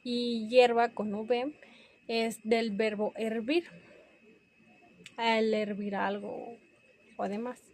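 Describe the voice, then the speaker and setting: A woman's voice: on the high side, flat delivery, darkish tone. A young woman presenting a class review, hesitant and correcting herself as she goes. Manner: hesitant, self-correcting, slow and careful.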